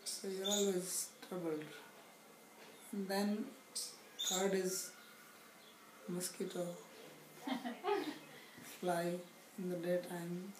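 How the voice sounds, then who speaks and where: A middle-aged spiritual teacher with a high voice sits on a living-room sofa teaching scripture, speaking slowly and deliberately, adding wry humor and Sanskrit recitations. He's recorded by a camera across the room, with echo and background noise.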